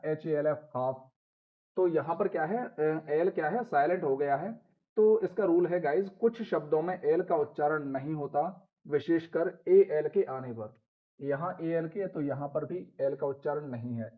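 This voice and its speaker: A man teaching English pronunciation in Hindi, step by step, spelling out letters and repeating each rule for his viewers. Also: a little high. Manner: addresses viewers as "guys". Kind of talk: Hindi classroom-style lesson. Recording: tinny phone-like sound.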